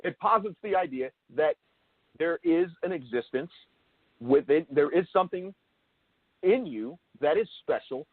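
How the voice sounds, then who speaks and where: Over a thin, dry, phone-like line with no echo, a man with a fairly high, animated voice hosts an interview. He explains ideas off the cuff, haltingly, repeating and rewording phrases and stressing key words.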